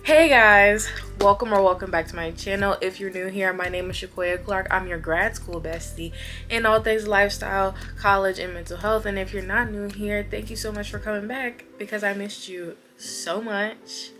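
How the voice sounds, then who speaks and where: A vlogger in her twenties chats casually to camera, speaking straight to her viewers in a bright, clear, medium-pitched voice at normal speed. She's chatty and animated, often repeating words for emphasis, while soft music plays faintly underneath.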